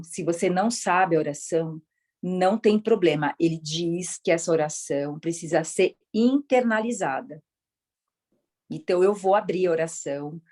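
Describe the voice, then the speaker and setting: A woman's voice: lowish voice, darkish tone. A woman leading a spiritual study group in a casual teaching talk over a video call, often checking in with her listeners. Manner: conversational, keeps checking in with listeners.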